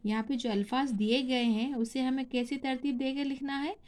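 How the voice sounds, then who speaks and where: A woman's voice: high-pitched, steady tone, darkish tone. A woman teaching a recorded lesson, spelling words out letter by letter and asking questions she then answers herself. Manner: spells out letters slowly, asks and answers her own questions. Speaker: school teacher. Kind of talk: classroom lesson.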